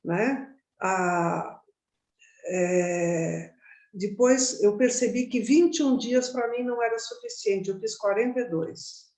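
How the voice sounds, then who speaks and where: A woman's voice: medium pitch, slow pace, a little mellow. A woman teaching a meditation class in a conversational way, often checking in with her listeners. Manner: conversational, frequent tag questions. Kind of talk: informal class talk. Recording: roomy echo.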